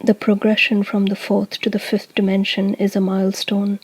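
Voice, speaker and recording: This is a channeler voicing a collective of light beings, reading a solemn, formal spiritual script for guided meditation. She keeps a measured pace and an extremely level, unchanging pitch, with a breathy edge. It's a low-quality, dry, close recording with no audible room.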